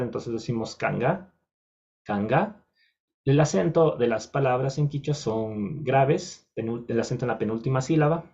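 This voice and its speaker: A man's voice: mid-range voice, a little mellow, lo-fi sound. Man teaching a recorded lesson. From Ecuador. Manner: patient, explanatory, with frequent fillers and self-corrections. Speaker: language teacher.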